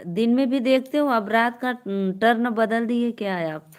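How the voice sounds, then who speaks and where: A woman's voice: fairly high pitch, moderate pace, clean tone. A young woman with an Awadhi accent hosting a folk-song live stream, chatting and teasing viewers and laughing often.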